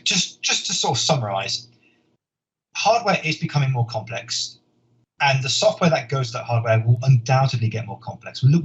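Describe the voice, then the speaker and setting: A man, a software engineer, giving a conference talk in an earnest, explanatory way, often repeating words as he thinks. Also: mid-range voice. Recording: dull lo-fi sound with faint noise.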